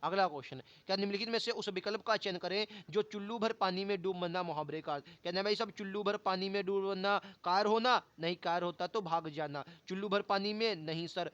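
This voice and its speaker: A man with a fairly high voice runs a casual exam-prep lesson. He fires rhetorical questions at his viewers and answers them himself, repeating each key word. The sound is dull and lo-fi. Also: a bit bright, clean tone. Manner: colloquial, addresses viewers as brothers and friends. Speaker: Hindi teacher for exam practice. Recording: dull lo-fi audio.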